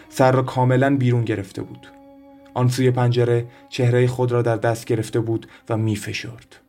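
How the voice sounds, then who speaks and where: A man narrating a literary audiobook in a measured, even storytelling manner. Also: medium pitch. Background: soft background music.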